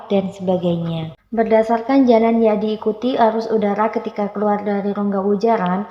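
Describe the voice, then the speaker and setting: A young woman student reading a phonology lesson aloud, going slowly through examples letter by letter. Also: mid-range voice. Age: young adult. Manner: reads steadily, slowing to list letters one by one. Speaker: university student presenting. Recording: dull lo-fi sound with long room echo.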